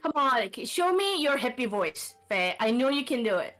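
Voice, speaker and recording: High-pitched, hesitant woman player. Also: very animated, moderate pace, fairly bright tone. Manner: hesitant, polite, many fillers. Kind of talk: tabletop game play. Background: faint background music.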